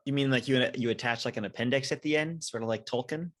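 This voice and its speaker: A man's voice: mid-range voice, quick pace, a bit bright. Man hosting an interview call. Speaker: podcast host. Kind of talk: casual video call interview.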